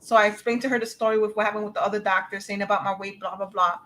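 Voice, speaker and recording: A woman hosting a podcast, telling a personal story in a casual, animated way and acting out the dialogue. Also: mid-range voice, racing, slight background noise. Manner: animated, acts out dialogue, laughs easily; addresses a live chat. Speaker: podcast host.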